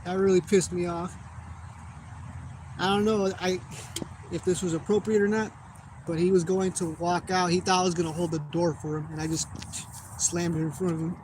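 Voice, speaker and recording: A man's voice: high voice, flat delivery, normal speed, pauses often. A young American man in a casual monologue, swearing a lot and rambling as he loses his train of thought. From United States. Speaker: vlogger. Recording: noisy background.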